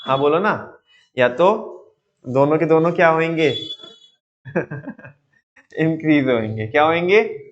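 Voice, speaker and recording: A man's voice: on the high side, lively intonation, slow, long pauses. A male teacher giving an online economics lecture in a playful, teasing way, constantly asking his students questions. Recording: dull lo-fi sound.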